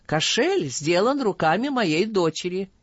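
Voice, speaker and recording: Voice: mid-range voice, very animated, a little slow, dry recording, muffled recording. A reader doing a blustering, indignant vizier. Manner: loud, mock-indignant. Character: indignant grand vizier, older man.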